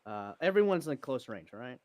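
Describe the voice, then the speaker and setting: A man playing a tabletop game in casual chat, thinking out loud and second-guessing himself. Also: mid-range voice, sing-song, normal speed, no room sound. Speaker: player in an online tabletop battle.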